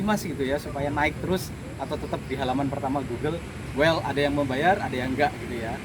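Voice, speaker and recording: Man, talking while slow jogging, brisk pace, casual explainer, loud outdoor traffic noise. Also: mid-range voice. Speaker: business and SEO vlogger. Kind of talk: casual explanatory vlog talk to viewers. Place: outdoors on a street, on the move.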